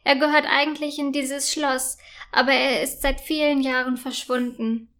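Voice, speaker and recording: A woman's voice: high voice, flat delivery, normal speed, a bit bright. A woman voicing a worried middle-aged queen who sighs and hesitates. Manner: sighing, hesitant.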